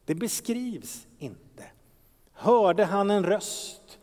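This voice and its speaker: A man's voice: high voice, expressive, darkish tone. A man preaching a sermon as pastor, asking rhetorical questions and sometimes dropping into a whisper. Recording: long reverb of a large hall.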